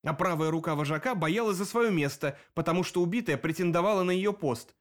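A man's voice: high-pitched, a little fast, voice pushed up, close to an everyday voice. A man voicing a sly, grinning male demon detective in an audiobook, mocking and theatrical.

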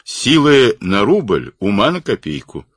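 A man reading an audiobook, voicing a gruff, grumbling, blunt polar expedition driver. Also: fairly low pitch, huge pitch swings, measured pace, dry recording, studio quality, exaggerated voice.

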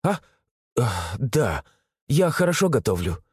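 A man's voice: medium pitch, big pitch swings, measured pace, darkish tone, breathy edge, no room sound, studio quality, exaggerated voice. A man voicing a genteel young woman servant who speaks earnestly, in an audiobook. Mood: hopeful. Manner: pleading, earnest.

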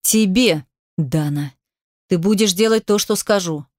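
A stern, aging father snaps orders and rages at his grown daughter in this audiobook scene, voiced by a woman reader. His lines come out clipped and commanding, at a middling pitch. The sound is dry and close, with no room echo. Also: a little slow, natural voice. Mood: cold commanding. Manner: harsh commanding, shouts threats. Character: domineering angry aging father, middle-aged man. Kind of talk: audiobook character voice.

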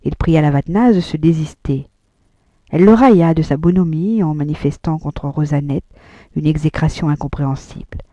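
Dark, dry female audiobook narrator. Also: low-pitched, dry recording, dull audio. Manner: measured, even reading. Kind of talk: scripted literary narration.

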